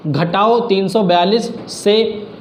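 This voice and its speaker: A man's voice: high voice, slow. A man teaching math in a casual classroom style, explaining step by step and mixing English math terms into his talk. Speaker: math tutor. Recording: echoey room, faint background noise.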